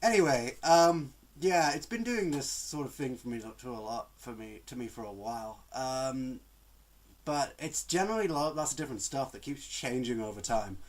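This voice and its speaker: A man's voice: medium pitch, expressive, moderate pace. A man with a cold, chatting casually to camera as a gaming vlogger in a rambling, exasperated way. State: has a cold, coughing. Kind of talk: casual vlog chat to camera.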